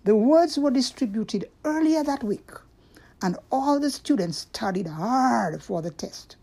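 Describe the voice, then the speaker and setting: A woman narrating a scripted story for children, with deliberate, expressive delivery. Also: on the high side.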